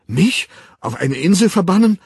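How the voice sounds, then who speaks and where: A frantic, tearful man pleads at the top of his lungs in a strained, raised pitch and loud cries, voiced by a male audiobook reader. The husky, gravelly tone stays close and dry. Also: sing-song, moderate pace, no room sound, heavily acted. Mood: desperate pleading. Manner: pleading, sobbing, near-shouting. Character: panicked male official begging not to be exiled.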